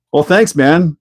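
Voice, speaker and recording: A man's voice: a little high, no echo, studio quality. A Canadian man hosting a live stream, chatting casually while he builds and answering viewers, with frequent laughs. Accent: Canadian English.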